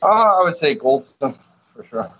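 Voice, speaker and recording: A Canadian man with a Scottish twang calling in over the phone, talking in a relaxed, easygoing way. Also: a little high, moderate pace, a crowd in the background. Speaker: caller. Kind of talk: casual call-in chat. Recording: muffled phone line with noise.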